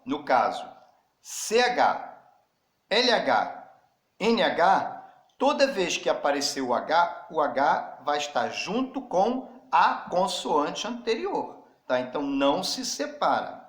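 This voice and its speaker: Man, teacher, slightly high voice, unhurried, spells things out, echoey room. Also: fairly bright tone. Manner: slow and deliberate, spells out letters, addresses students directly. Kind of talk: classroom grammar lesson. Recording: roomy echo.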